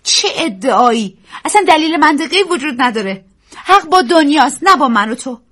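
A woman voicing Daisy, a frightened young woman. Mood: anxious, excited. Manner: high, excited, urgent lines.

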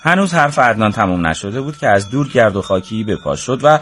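A man narrating a storybook in an even, measured way. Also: lowish voice, faint music behind.

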